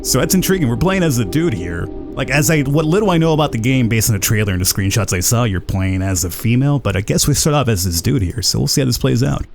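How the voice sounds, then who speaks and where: A man's voice: mid-range voice, very animated, fast talker, creaky, faint music behind. A man hosting a gaming video with casual, slangy, laid-back commentary, sometimes reading on-screen text aloud.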